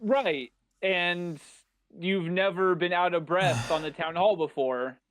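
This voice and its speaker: Male host on a group call: high voice, teasing questions. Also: takes it slowly, fairly bright tone. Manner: teasing, probing.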